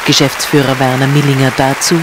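A man reading a scripted news voice-over in an upbeat, measured tone. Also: mid-range voice, completely flat delivery. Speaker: news narrator. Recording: narration over music and crowd chatter. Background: music and crowd noise.

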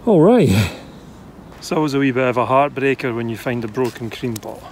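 Speaking at a quick pace in a steady, mid-range voice, a man from Scotland chats to camera while digging for old bottles outdoors, with a little hiss or hum. The bottle-digging vlogger is enthusiastic, thinks aloud, and gets out of breath at times.

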